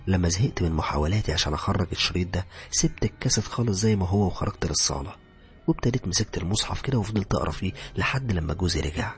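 A man's voice: low voice, lively intonation, racing, soft background music. A man with an Egyptian accent narrating a first-person horror story in a tense voice that sometimes sinks to a whisper. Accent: Egyptian Arabic.

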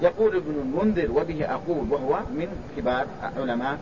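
A man's voice: fairly high pitch, animated, quick pace. A man teaching a religious text in a classroom lecture, restating his points and quizzing his students. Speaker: sheikh teaching a hadith commentary. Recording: dull lo-fi sound with loud background noise.

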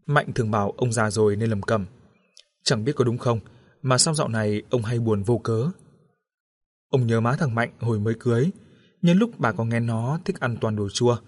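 Male storyteller, steady measured reading, mid-pitched voice. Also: slightly rough. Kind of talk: scripted horror story narration.

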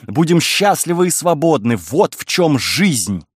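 A wild, impassioned young woman, as a male reader puts her on, pitched higher than his own voice and pleading with fervour. The voice sits close and dry, with no room sound. In this audiobook reading her lines swing between defiance and tenderness. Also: big pitch swings, a little slow, husky, dry recording, heavily acted. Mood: defiant.

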